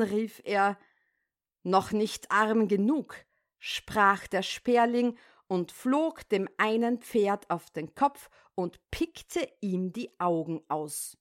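A woman reading a fairy tale aloud in a calm, measured storytelling manner. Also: mid-range voice.

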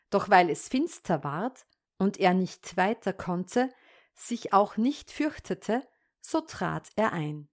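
A woman calmly reading an old fairy tale aloud as a storyteller, in a measured, even narration. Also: lowish voice.

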